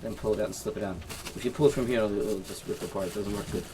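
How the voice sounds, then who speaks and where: Rabbi explaining knots step by step. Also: male voice, fairly low pitch, rapid-fire, noisy background. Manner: explains step by step, often checks with "right?"; mixes Hebrew and Yiddish terms into English. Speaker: rabbi teaching a class. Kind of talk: informal halacha lesson with demonstration.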